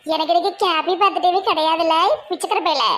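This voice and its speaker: A woman's voice: very high-pitched, fairly even intonation, fast, a bit bright, slight background noise. A woman in a comedy skit, talking in a bossy, teasing way.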